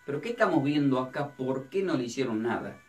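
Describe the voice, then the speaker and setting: A man's voice: mid-range voice, expressive, brisk. A man, a pastor teaching a Bible study sermon, who asks his listeners questions and then answers them himself. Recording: distant mic with faint music.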